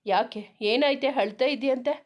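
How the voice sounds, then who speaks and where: A woman's voice: high voice, measured pace, muffled recording. A woman voicing a young husband who jokes and reassures his sister in a narrated story. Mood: reassuring, joking. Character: joking protective young husband and brother.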